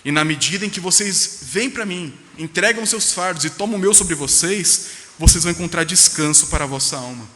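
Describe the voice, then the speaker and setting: Fast, bright-voiced São pastor preaching. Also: male voice, fairly high pitch, expressive. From Brazil. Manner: emphatic preaching, rhetorical questions, voices quoted speech. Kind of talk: sermon. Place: church sanctuary. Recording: reverberant church hall.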